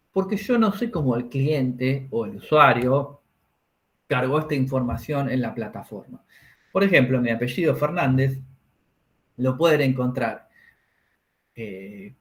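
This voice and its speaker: A man teaching a class, explaining each step and checking in with his students. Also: fairly high pitch. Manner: explains step by step, checks understanding with tag questions. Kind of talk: classroom lesson.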